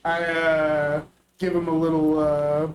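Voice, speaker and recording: A man with a fairly high voice plays a tabletop game, speaking in character casually and tersely, repeating himself. There is faint noise behind him. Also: completely flat delivery, slow pace.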